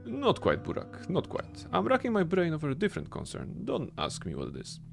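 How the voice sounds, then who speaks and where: Brief: male streamer voicing a haughty young rich heir, lively pitch, game dialogue read aloud, faint music. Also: a little fast, vocal fry, heavily acted. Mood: firm. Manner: lofty, formal reading of game dialogue.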